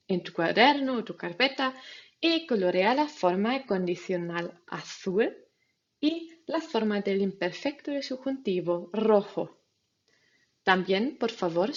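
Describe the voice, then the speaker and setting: Slow, husky-voiced woman teaching grammar. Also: mid-range voice, dull audio. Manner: patient, step-by-step instructions to students. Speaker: Spanish teacher. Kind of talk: recorded grammar lesson.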